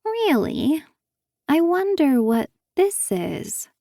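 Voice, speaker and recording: A woman's voice: high-pitched, big pitch swings, extremely slow, vocal fry, mellow, no room sound, studio quality, voice pushed up, heavily acted. A woman reading an audiobook, voicing a sly woman author who taunts in a falsely sweet way. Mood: smug taunting.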